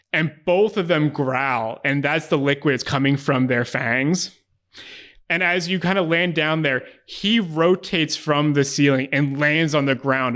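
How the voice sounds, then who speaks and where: A man improvising narration as a tabletop game master, casual and descriptive, halting as he searches for words. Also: a little high, a bit bright.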